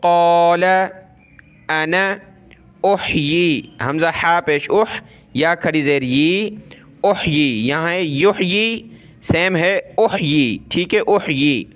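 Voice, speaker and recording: A man teaching Quran recitation, spelling out each word letter by letter and vowel by vowel before chanting it slowly. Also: fairly high pitch, lively intonation, fairly bright tone.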